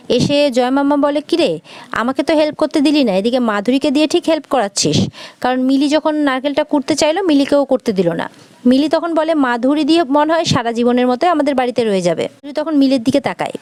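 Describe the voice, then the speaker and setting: A woman with a high voice races through a TV serial recap, reading out each character's lines as she goes. The recording is dry and close, with no room sound. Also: a little mellow, no echo. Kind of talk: fast retelling of a TV serial episode with quoted dialogue.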